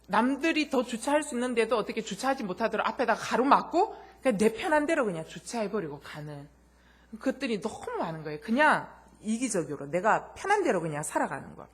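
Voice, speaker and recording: A woman pastor preaches to her congregation in a husky voice, asking them rhetorical questions. Her pitch swings widely as she tells anecdotes and acts out the voices in them. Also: sing-song, fairly quick. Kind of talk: sermon.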